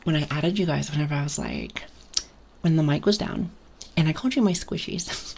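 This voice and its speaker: A woman chatting casually on an ASMR stream, talking softly right into the listener's ear and often slipping into whispers, with a playful, gently silly manner. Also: deep voice, wildly swooping pitch, a little fast. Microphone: close ASMR microphone. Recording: clear background noise and clicks.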